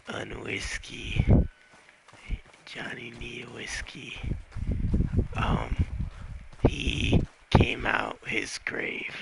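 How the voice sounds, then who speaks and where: A man's voice: lowish voice, full character voice. A man voicing a whiskey-craving undead cowboy who talks about himself in broken third-person speech during game role-play. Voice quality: gravelly. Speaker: streamer. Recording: loud game noise behind.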